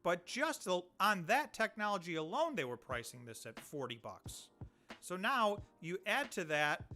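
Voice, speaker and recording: A man from upstate New York co-hosting a casual livestream chat about stocks, explaining in a measured way while thinking aloud. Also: sits high, very animated, sharp tone, faint music behind. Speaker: co-host.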